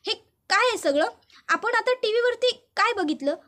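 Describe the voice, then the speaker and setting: A woman's voice: very high voice, lively intonation, normal speed, pushed and bright, voice pushed up, heavily acted. A distraught young bride, furious and tearful, hurls accusing, pleading outbursts in a raised, piercing voice, as a woman narrator puts her on. She is a storybook figure in a serial retelling.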